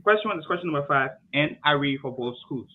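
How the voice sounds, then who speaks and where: A Liberian quizmaster reads out questions and rules on the answers, emphatically repeating his verdicts. He talks fast, his voice on the high side with lively intonation, and the recording is muffled and lo-fi with faint noise.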